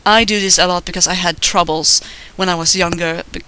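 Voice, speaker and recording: A squeaky, thin-voiced artist casually narrating a drawing process in an informal, rambling, self-deprecating way. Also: steady tone, brisk, sharp tone, smooth, low-quality recording. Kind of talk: casual drawing tutorial commentary.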